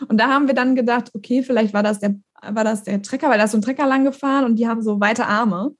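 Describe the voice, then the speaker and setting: Husky-voiced woman telling a story. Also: a little high, fast. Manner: animated storytelling, laughs often, mimics others. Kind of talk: casual chat.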